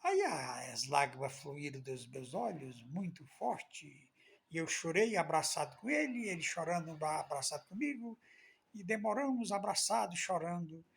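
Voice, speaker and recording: A man's voice: a little high, expressive, moderate pace, vocal fry, slightly rough. A man from Ceará, telling an emotional personal story in a heartfelt, repetitive way. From Brazil, from Amontada in Ceará. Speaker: storyteller, channel host.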